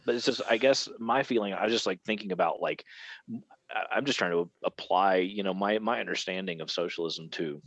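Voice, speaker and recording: A man co-hosting a casual podcast chat, animated, repeating words and laughing often. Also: sits low, a little fast, no room sound. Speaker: podcast co-host.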